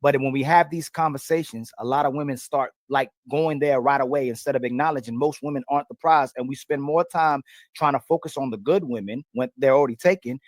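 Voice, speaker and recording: A man's voice: medium pitch, brisk, no room sound, studio quality. A man hosting a panel discussion, talking emphatically in repeated lists.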